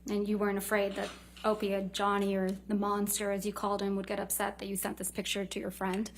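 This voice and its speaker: A woman's voice: medium pitch, monotone, fairly quick, a little hiss or hum. Pointed woman lawyer in cross examination. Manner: pointed, clipped leading questions ending in tag questions. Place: courtroom.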